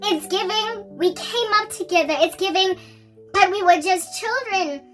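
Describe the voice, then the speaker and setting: A South African woman in her forties tells a story in a casual, animated way, often breaking into laughter. Her voice sits very high and sounds bright and sharp. Faint music plays behind her. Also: a little slow, distant mic. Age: 40s. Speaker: vlogger.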